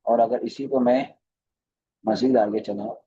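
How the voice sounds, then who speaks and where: A man's voice: mid-range voice, steady tone, unhurried, mellow, highs cut off, a little hiss or hum. A man teaching a recorded live class on chart reading, speaking with a flavour and often repeating phrases and putting questions to his students. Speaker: trading course teacher.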